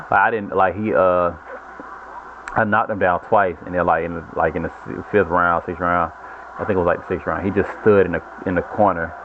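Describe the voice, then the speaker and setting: Casual gamer host, low-pitched man, rambling self-correcting delivery, tinny narrow-band audio. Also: fairly even intonation, moderate pace. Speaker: gaming channel host. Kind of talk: casual gameplay commentary. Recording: lo-fi phone-like audio with noise.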